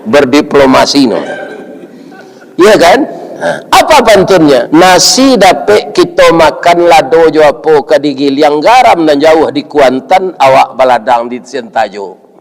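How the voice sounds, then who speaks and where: Joking Minangkabau preacher telling a story. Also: male voice, on the high side, measured pace, gravelly, poor audio. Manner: lively, jokey, chuckling asides. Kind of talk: storytelling sermon.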